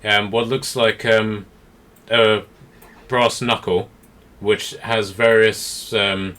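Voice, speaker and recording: Low male voice, very bright, game master, halting improvised tabletop narration. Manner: halting, rambling, improvised delivery.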